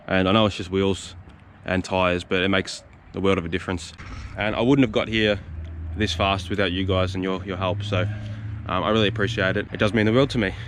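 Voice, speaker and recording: A young man talks quickly and warmly to camera, his voice sitting fairly low. He rambles, restarts his sentences and sounds openly moved. A faint hum of outdoor noise sits behind him. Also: flat delivery. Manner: rambling, emotional, many restarts. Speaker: car vlogger. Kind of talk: casual vlog to camera. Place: home driveway, outdoors.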